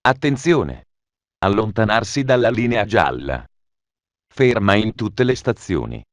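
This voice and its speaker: A man's voice making automated train station announcements, formal and measured, with phrases stitched together. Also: fairly low pitch, animated, no echo.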